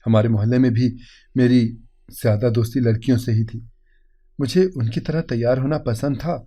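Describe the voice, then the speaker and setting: A man's voice: mid-range voice, fairly even intonation, dark tone, lightly acted. A man voicing a distraught young husband in a storybook tale; he cries, stammers and repeats his words. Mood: confessing. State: crying. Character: anguished young husband with a shameful secret.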